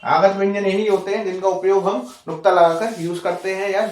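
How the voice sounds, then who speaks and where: A man's voice: sits high, steady tone, a little fast. A man teaching a Hindi grammar lesson for exam students. He explains step by step, repeats the example words, asks the class questions and keeps saying "okay" between points. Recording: echoey room, voice from far off the mic.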